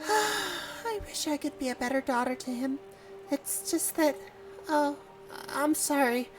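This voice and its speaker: A man voicing a gentle young woman, a settler's daughter, reading her game lines softly and apologetically. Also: very high voice, lively intonation, slow pace, voice pushed up, exaggerated voice, low-quality recording. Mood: polite. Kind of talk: reading game dialogue aloud. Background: game music.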